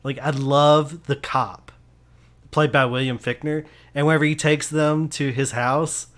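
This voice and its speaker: A man's voice: fairly high pitch, fairly even intonation, a little slow, fairly bright tone. A man hosting a casual movie review podcast. He talks with enthusiasm, laughs often and restarts his sentences. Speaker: podcast host. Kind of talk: casual film review chat.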